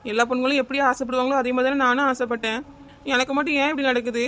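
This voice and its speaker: A high, bright and flat-toned cartoon voice of a weepy young village woman, played by a woman. She has a Kanyakumari Tamil accent and rushes through her sulky, tearful complaints. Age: young adult.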